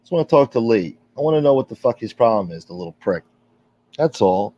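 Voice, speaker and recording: This livestream host is a middle-aged man with a dark-toned, mid-range voice that swings widely in pitch as he talks fairly quickly. He rambles candidly while reading viewer comments, using plenty of fillers and swearing, over dull, lo-fi stream audio.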